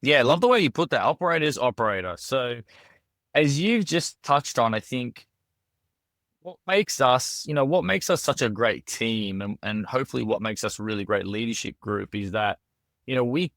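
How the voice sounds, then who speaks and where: A man's voice: medium pitch, expressive, moderate pace, vocal fry, fairly bright tone, no room sound, clean studio sound. A man with an Australian accent, a restaurant founder speaking as a guest in a casual podcast interview, earnest and full of "you know" fillers and restarts. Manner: earnest, with frequent fillers and repeated words.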